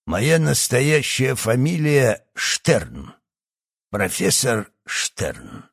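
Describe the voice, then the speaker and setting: A gravelly old villain doctor. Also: male voice, lowish voice, sing-song, normal speed, no room sound, studio quality, full character voice. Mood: sinister. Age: over 60. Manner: condescending, sly. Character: scheming old male doctor, secretly a villainous professor. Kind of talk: audiobook character acting.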